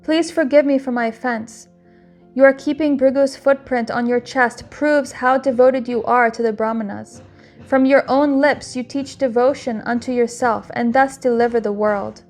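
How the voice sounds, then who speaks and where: A woman reading a devotional scripture aloud in a calm, measured way, with emphatic exclamations. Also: on the high side, soft background music. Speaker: scripture reader.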